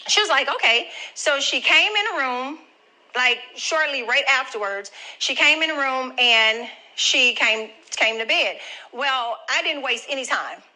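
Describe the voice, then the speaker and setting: A woman's voice: high-pitched, lively intonation, measured pace, sharp tone, low-quality recording. A grandmother telling viewers a personal story in a chatty, direct way. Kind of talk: casual storytelling to camera.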